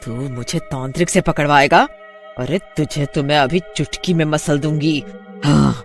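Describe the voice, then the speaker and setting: Man voicing a scornful witch daughter-in-law, loud threats, music underneath, storybook. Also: on the high side, steady tone, moderate pace, close to an everyday voice. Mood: bossy, threatening. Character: bullying witch daughter-in-law, female, harsh and bossy. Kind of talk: storybook voice acting.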